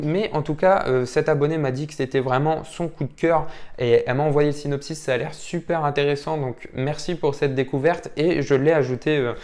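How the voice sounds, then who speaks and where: A man's voice: a little high, darkish tone. A manga YouTuber, a man, casually commenting on viewers' purchases, rambling with lots of fillers. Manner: rambling, many fillers and "voilà".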